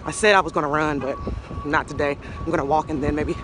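A woman's voice: low-pitched, fairly even intonation, fast, background noise. A young woman chatting casually as a beauty vlogger, upbeat and slangy, filmed on a phone held close. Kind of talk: casual vlog chat. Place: small room at home, then city street and gym. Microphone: phone camera held close.

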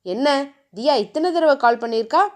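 A woman voicing a young possessive husband who shouts and scolds, in a novel reading. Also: sits high, animated, a little fast. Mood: worried. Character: possessive young man, hot-tempered husband.

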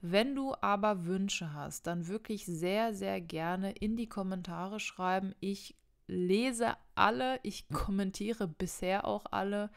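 A woman's voice: mid-range voice, slow pace, gravelly, clean tone. A young woman teaching Spanish in a casual online video lesson, talking straight to the viewer and correcting herself as she goes. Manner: chatty, self-correcting, addresses viewer directly.

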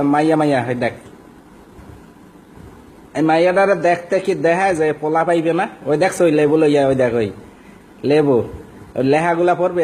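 A man's voice: fairly high pitch, a little mellow, a little hiss or hum, rough recording. A young man with a Barishal Bengali accent, ranting as a vlogger in a coarse, mocking and insulting way. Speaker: social media vlogger. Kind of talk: ranting monologue.

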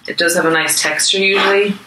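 An Irish woman in her thirties gives a relaxed, chatty cooking demo at her dining table. Her voice is low but bright, and the camera picks it up from across an echoey room. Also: fast talker, far from the mic, slight background noise. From Ireland. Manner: chatty, informal, talks to her toddler between explanations. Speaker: chef. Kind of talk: pre-recorded home cooking demo. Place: home dining room, indoors.

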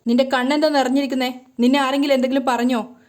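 A woman's voice: high-pitched, little pitch movement, very fast, a little mellow, lightly acted. A woman voicing a protective young husband who questions sharply and grows angry. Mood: pressing. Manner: demanding, stern questioning.

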